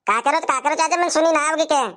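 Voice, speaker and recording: Brief: a woman voicing a bumbling young village lad for a cartoon, rural Rajasthani accent, high-pitched. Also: quick pace, a bit bright. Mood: pleading. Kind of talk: animated cartoon comedy voice.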